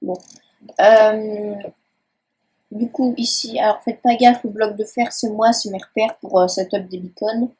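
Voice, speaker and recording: Sitting at her laptop at home, a young gaming channel host wanders through her game world in a loose, rambling commentary full of fillers and hesitations. She speaks at a measured pace in a mid-range, level, slightly mellow voice with some breathiness, captured on a low-quality recording.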